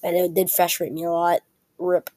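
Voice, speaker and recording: A young woman, sick and weak-voiced, talking casually and haltingly as she hosts a solo student podcast from home. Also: fairly low pitch, monotone, dark tone. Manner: halting, self-correcting, apologetic.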